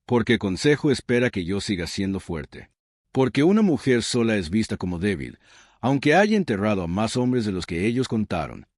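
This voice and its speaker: A man's voice: on the low side, big pitch swings, darkish tone, dry recording, clean studio sound. A man voicing a stern, proud widow. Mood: grave, commanding. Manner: slow, grave, measured.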